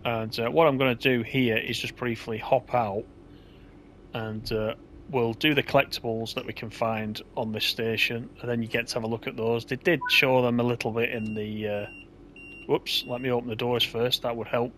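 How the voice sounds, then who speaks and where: A man's voice: mid-range voice, flat delivery, moderate pace, fairly bright tone, a little hiss or hum. A man giving casual, chatty gameplay commentary as he drives a train, thinking aloud in an easygoing way.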